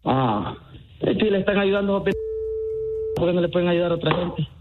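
A man's voice: high voice, brisk. A man from Venezuela on a phone call, baffled at first and then increasingly annoyed. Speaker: prank call target.

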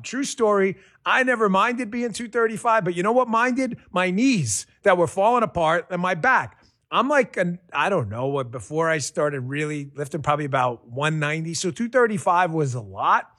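A man reads a radio ad in an animated, punchy way, making it personal. His voice sits a bit high and sounds dry and close to the mic. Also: normal speed, no room sound. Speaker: radio host reading an ad. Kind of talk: host-read radio ad.

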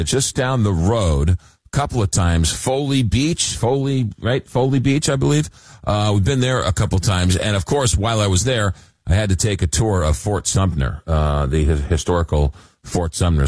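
A man with the smooth, easy delivery of a late-night radio host. His voice sits on the low side yet moves through a wide, lively melody. The sound is dry and close, as from a studio microphone. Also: dry recording. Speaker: radio call-in show host. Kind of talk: late-night talk radio, reading texts and taking calls.

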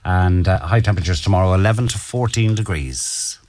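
A man giving a weather forecast with hesitant pauses. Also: low-pitched, very noisy. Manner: hesitant, pausing delivery.

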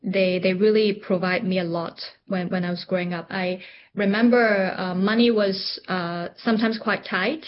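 A middle-aged woman from Hong Kong answers interview questions with care, pausing on ums and restarting her sentences. The audio is a little dull, with a faint low hum underneath. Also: steady tone. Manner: thoughtful, frequent ums and restarts. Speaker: interview guest, entrepreneur. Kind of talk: reflective interview conversation.

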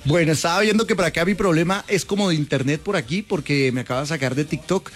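High-voiced Colombian man hosting live radio. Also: fast talker, soft background music. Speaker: radio show host. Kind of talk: excited live sports call-in chat.

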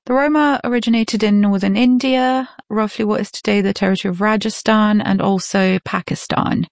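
A woman's voice: mid-range voice, fairly even intonation, a little fast, creaky, no room sound, studio quality. A woman from Romania, an author answering interview questions in an informed, explanatory way. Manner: informed, explanatory, laughs easily. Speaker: author guest.

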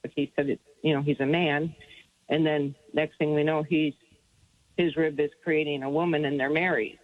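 A woman's voice: sits low, flat delivery, moderate pace, no echo. A woman from Arkansas calling in to a radio show over a phone line, asking her question hesitantly and thinking aloud with many fillers. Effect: caller heard over a phone line on a radio show. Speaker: caller. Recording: dull lo-fi phone line, dry.

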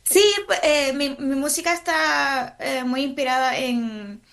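Woman, Puerto Rican accent, somewhat high pitch, thoughtful, pauses and restarts a lot. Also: fairly even intonation, vocal fry, a bit bright. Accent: Puerto Rican Spanish. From Puerto Rico. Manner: thoughtful, many fillers and restarts. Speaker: guest composer. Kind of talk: radio interview.

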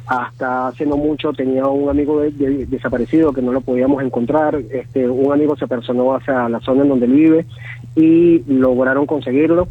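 A Venezuelan man in his thirties with a Venezuelan Spanish accent, speaking as a guest in a phone interview, halting and full of fillers and restarts. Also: medium pitch, steady tone. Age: 30s. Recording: tinny phone line.

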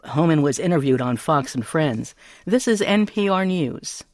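A woman's voice: low-pitched, animated, normal speed, no room sound, studio quality. A woman working as a public radio host, reading scripted national news as a newscaster.

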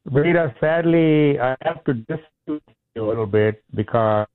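A man's voice: medium pitch, moderate pace, no echo. Man on a choppy, breaking-up phone line. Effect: choppy phone connection that keeps breaking up. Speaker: caller. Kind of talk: call-in radio talk.

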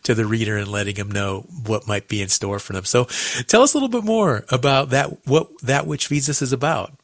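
A man hosting an interview, asking questions in a halting way and repeating words as he forms them. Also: mid-range voice, no room sound, studio quality. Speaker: interviewer, host.

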